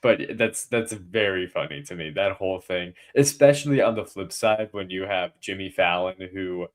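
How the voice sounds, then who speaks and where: Low-voiced, playful man podcast host. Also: normal speed. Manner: playful, joking asides. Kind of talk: casual podcast chat.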